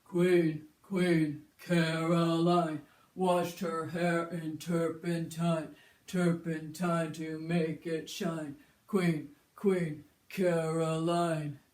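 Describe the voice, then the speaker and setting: A woman voicing a stubborn old grandpa with a sore back, using a low, slow, creaky drawl. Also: flat delivery, darkish tone. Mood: creaky chant.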